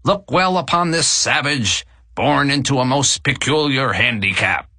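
A man narrating voices a carnival sideshow barker, with showy, booming sales patter that sounds tinny, as through a megaphone. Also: measured pace, sharp tone, husky, no echo, heavily acted. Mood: dramatic.

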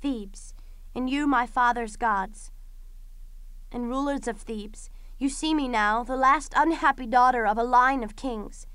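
A woman's voice: on the high side, a little slow, fairly bright tone, clear, resonant tone, dry recording. A woman playing a doomed young princess in a Greek tragedy, grieving yet defiant, with solemn, lamenting declamation. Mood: mournful, defiant. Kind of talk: classical Greek tragedy audio performance.

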